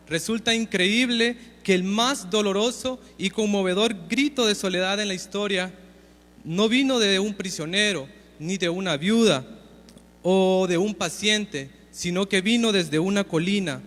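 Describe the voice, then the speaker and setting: A man preaching an earnest, measured sermon and teaching from scripture to his congregation. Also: high voice, fairly bright tone, big-room sound. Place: church hall.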